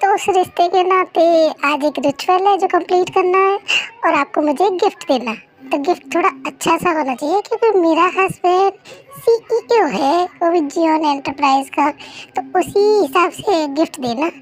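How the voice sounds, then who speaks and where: A woman doing a chatty, dramatic young wife. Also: very high voice. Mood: sassy. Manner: fast, indignant, talkative. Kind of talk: fan Hindi dub role-play.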